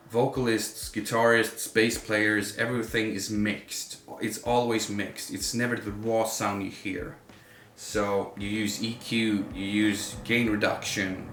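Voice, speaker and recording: A man's voice: on the low side, fairly bright tone, a little hiss or hum. A man giving casual, informal vocal coaching to camera, talking like a working vocalist. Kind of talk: casual instructional talk to camera. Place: room with a home studio setup. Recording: roomy echo, faint music behind.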